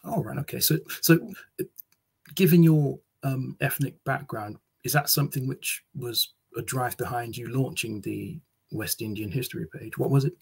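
A man's voice: medium pitch, steady tone, moderate pace, vocal fry, a little mellow, breathy edge, low-quality recording. A man hosting an interview over a video call, hesitant with many fillers and restarts. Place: small indoor room. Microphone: video call webcam.

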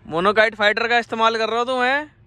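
Excited bright-voiced man in an open field. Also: very high voice, fast, smooth, dry recording. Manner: excited, laughing, calling out to others. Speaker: vlogger. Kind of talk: casual outdoor vlog commentary. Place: open dusty field outdoors.

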